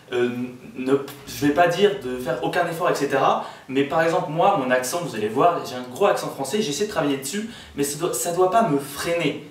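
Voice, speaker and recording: A young man with a slightly high voice speaks as a student tutor, casually introducing a lesson series. He keeps encouraging the viewers and talks to them directly. The sound is very echoey, and he stands away from the mic. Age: young adult. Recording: very echoey room, mic far off.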